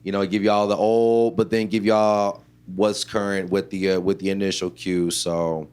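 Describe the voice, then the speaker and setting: A man from Illinois with a fairly low, smooth, resonant voice. He talks loosely and rambles, leaning on fillers as he answers interview questions. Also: level tone, moderate pace, darkish tone. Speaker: rapper and producer guest. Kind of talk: casual interview chat.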